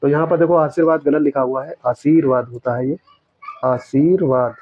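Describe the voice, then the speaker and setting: A man teaching, going through exam questions and correcting each answer step by step, repeating the right words slowly. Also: on the high side, fairly even intonation, no room sound. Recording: dry, dull lo-fi sound.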